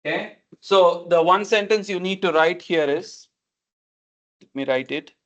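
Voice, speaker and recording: Higher-voiced male lecturer on a video call. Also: measured pace, a bit bright. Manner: didactic, repeats and checks understanding. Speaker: lecturer teaching numerical methods. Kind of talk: explanatory online class, questioning students. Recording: dull, lo-fi online meeting audio.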